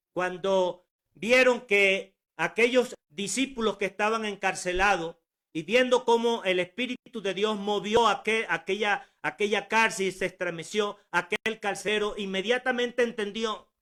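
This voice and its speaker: A man's voice: high voice, measured pace, pushed and bright. A man in his sixties preaching a sermon at home, earnest and exhorting, with rhetorical questions and repetition. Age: 60s.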